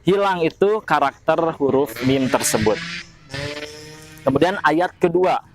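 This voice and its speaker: Indonesian guy teaching quran reading, pretty high voice, really slow chanted examples. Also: lively intonation, soft background music. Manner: slowly chants example verses between plain explanations. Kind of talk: tajwid lesson with slow recited examples.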